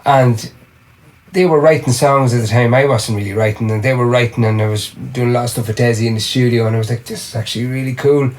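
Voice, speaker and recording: This mid-range voice belongs to a middle-aged Irishman who sings and drums. He talks fast as a podcast guest, telling lively stories in a loose, rambling interview chat full of restarts.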